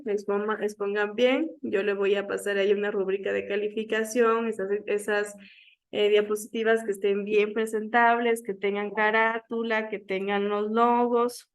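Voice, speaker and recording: A woman teaching an online class, lecturing and checking in often with her students, sometimes slowly sounding out speech sounds to demonstrate them. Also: mid-range voice, little pitch movement. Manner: checks in with frequent "¿ya?".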